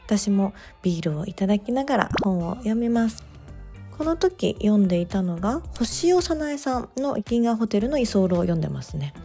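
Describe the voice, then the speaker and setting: A woman narrating her vlog in a relaxed voice-over, chatty and gently enthusiastic, with soft fillers. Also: medium pitch, normal speed, faint music behind. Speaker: bookstore owner vlogger.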